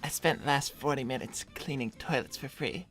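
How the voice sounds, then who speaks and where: A man's voice: mid-range voice, normal speed, over loud music, close to an everyday voice. A man playing a timid young male hedgehog job seeker, hedging and pleading in an improvised live cartoon roleplay. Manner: hedging, placating.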